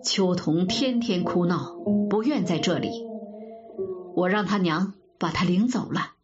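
A woman voicing an anxious young nobleman speaking earnestly and respectfully to his aunt, in a lowered voice. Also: unhurried, natural voice. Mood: worried. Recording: dull audio with guitar music.

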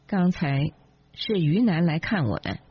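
一位女性朗读者演绎一个说话尖刻、满含讥讽、醋意十足的年轻妻子，嗓音略带沙哑。. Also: female voice, fairly low pitch, animated, measured pace, slightly rough, dry recording, full character voice. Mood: sarcastic. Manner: sarcastic, cutting. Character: sharp-tongued jealous young wife. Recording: dull lo-fi, dry.

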